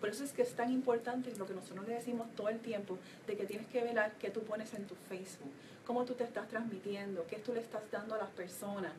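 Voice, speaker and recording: Energetic woman coach, distant mic. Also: mid-range voice, fast, few pauses. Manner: energetic, emphatic, with frequent fillers. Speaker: business coach. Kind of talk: motivational talk to a group. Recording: distant mic with faint room noise.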